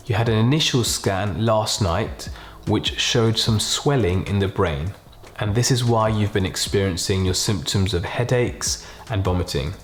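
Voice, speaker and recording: A man playing a sympathetic doctor breaking bad news to a patient, slowly, quietly and gently, checking in between short phrases. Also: lowish voice, close to an everyday voice. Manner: slow, quiet, gentle delivery in small chunks with check-ins. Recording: roomy, echoing voice pickup.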